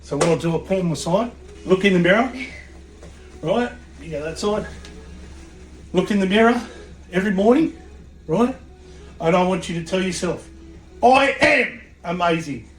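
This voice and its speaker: A man, a podcast guest and coach, telling an animated story in a blunt, swearing way. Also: high voice, normal speed, long pauses, soft background music. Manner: blunt, swears freely, acts out quotes. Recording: echoey room.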